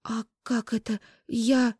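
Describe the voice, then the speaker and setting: A woman's voice: mid-range voice, unhurried, dark tone, husky, no room sound, clean studio sound, voice pushed up. A woman reading an audiobook voices a frightened young pregnant woman, whispering breathlessly and shakily. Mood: distraught.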